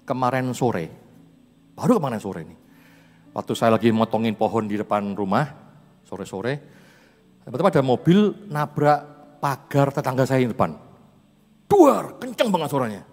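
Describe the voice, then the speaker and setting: A male pastor preaches in a relaxed, storytelling way, chuckling often as he talks. His pitch swings widely and lively. The voice carries a long church-hall reverb, with soft music faintly behind him. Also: moderate pace, pauses often. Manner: chatty, animated storyteller who laughs often. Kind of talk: sermon with personal storytelling.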